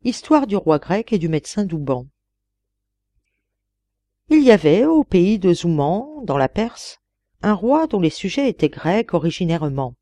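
A woman reading a classic tale aloud as an audiobook narrator, measured and expressive. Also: fairly low pitch, no room sound. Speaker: audiobook reader.

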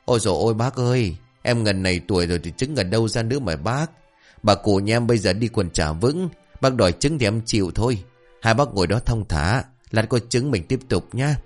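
A flustered middle-aged shopkeeper woman, put on by a male storyteller, pleads and fusses. His voice climbs well above its low natural pitch for her and swings widely. It is an audio folk tale with faint music underneath. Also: lively intonation, brisk, lightly acted. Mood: pleading. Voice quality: pleading, fussing.

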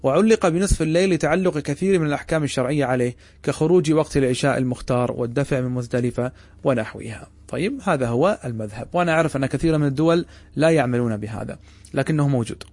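Fast-talking male religious teacher. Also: medium pitch, a little mellow, dry recording. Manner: quizzes listeners with quick questions and answers them himself. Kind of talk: classroom lecture.

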